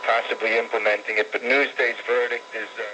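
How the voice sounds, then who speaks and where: A man of middle pitch calls in to a radio show and mocks the papers with sarcasm. Clear noise hangs over his noisy phone line. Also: little pitch movement, a little fast, sharp tone. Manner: mocking, sarcastic. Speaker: caller. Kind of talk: call-in talk radio.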